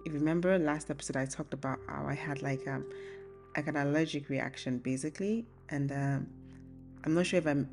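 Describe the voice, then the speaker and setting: A young woman hosting a casual faith podcast, chatting informally and thinking aloud in a relaxed, rambling way. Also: low-pitched. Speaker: podcast host. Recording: soft guitar music behind the voice. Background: acoustic guitar music.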